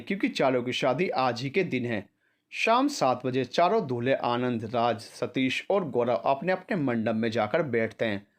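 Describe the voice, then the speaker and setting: Male storyteller, mid-pitched, measured dramatic narration.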